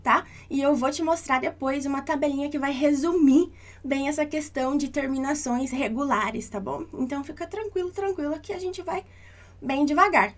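High-voiced patient woman teacher. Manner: patient, reassuring, repeats examples slowly. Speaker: language teacher. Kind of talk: online lesson.

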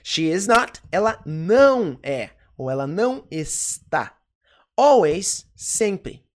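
An English teacher with a Brazilian Portuguese accent, giving a lesson and slowly repeating each phrase with frequent check-ins. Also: mid-range voice, very animated. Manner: slow careful repetition, frequent "ok?" check-ins. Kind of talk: online language lesson.

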